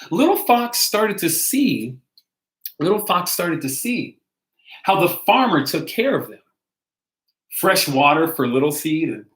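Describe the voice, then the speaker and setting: A man, a pastor, reading a children's storybook aloud in a gentle, unhurried way. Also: high-pitched. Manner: gentle, unhurried, self-correcting. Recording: echoey room.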